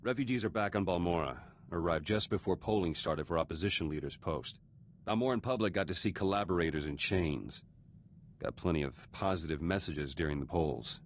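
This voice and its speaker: An actor playing a curt, ambitious politician in a video game, speaking in terse, clipped phrases with cold self-assurance. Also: male voice, low-pitched, fairly quick, slight background noise. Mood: smug, curt.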